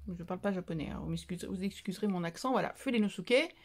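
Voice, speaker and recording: A woman's voice: fairly low pitch, fairly even intonation, fast talker, a little mellow, husky. A woman chatting casually in a craft haul vlog, rambling with fillers and making fun of herself. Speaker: craft vlogger.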